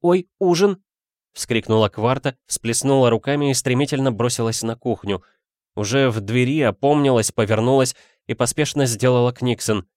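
Male audiobook narrator, even storytelling, dry close recording. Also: medium pitch, moderate pace, no echo. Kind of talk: reading a detective story.

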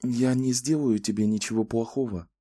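Man doing a soft kind lady voice, pleasant and soothing, a bit higher than his own, dry recording. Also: lively intonation, measured pace, no echo. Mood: gentle soothing. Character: kind, gentle grown woman soothing a child.

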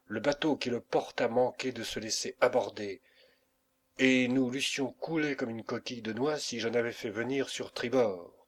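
A man's voice: mid-range voice, normal speed, natural voice. Man reading as an alarmed sailor at the helm. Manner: urgent, shouting warnings.

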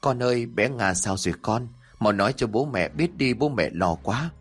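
A man's voice: medium pitch, expressive, normal speed, husky, faint music behind. A man reading aloud and voicing a scheming older mother-in-law who wails theatrically, in a storybook reading. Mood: fake worry. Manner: wailing, theatrical lamenting.

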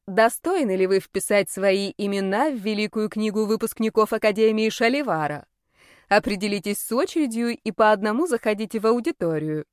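A woman's voice: mid-range voice, smooth, no room sound, studio quality, lightly acted. A woman voicing an elderly female teacher who speaks formally and firmly to students. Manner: formal, measured. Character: elderly woman teacher, stern but warm.

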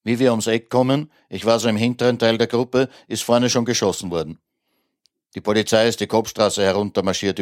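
A man with a fairly low voice reads aloud for radio, recounting events briskly and matter-of-factly. His delivery stays plain and even in tone. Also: dry recording, studio quality. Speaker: radio presenter and reader. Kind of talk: reading a witness account and a poem.

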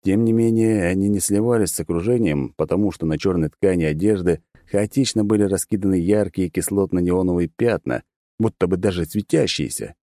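Deep-voiced male audiobook narrator, mellow tone, even first-person storytelling. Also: fairly quick, no room sound, clean studio sound.

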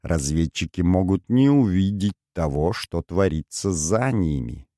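A man voicing a wary, grave male mercenary colonel in an audiobook, who speaks slowly, measured and deferential. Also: sits low, lively intonation, warm tone, no room sound, clean studio sound. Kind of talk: audiobook character voice.

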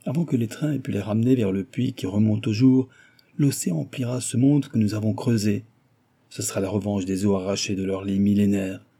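A man's voice: fairly low pitch, steady tone, fairly quick, vocal fry, dark tone, breathy edge. A man voicing a cruel young Japanese villain who talks in a sneering, menacing way, for an audiobook. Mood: cold menace.

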